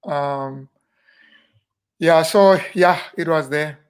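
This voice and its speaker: South African man reminiscing, fairly high voice. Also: very slow, clean tone. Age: 50s. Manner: relaxed storytelling with self-deprecating humor. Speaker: guest minister. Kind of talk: casual interview reminiscing.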